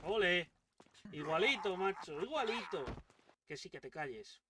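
A man from Spain giving casual gameplay commentary, excitable and joking, swearing and shouting at enemies. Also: high voice, unhurried, a little hiss or hum. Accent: Spain Spanish. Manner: jokey running chatter. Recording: distant mic with loud game gunfire behind.

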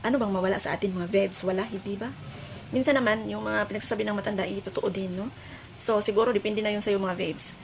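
A woman chats with her viewers in a hoarse voice, coming back again and again to affectionate pet names for them. Her pitch sits in an ordinary middle range. Steady background noise runs under the recording. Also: fast talker. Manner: chatty, constantly addressing viewers with pet names. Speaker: vlogger. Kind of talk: casual chat to viewers.

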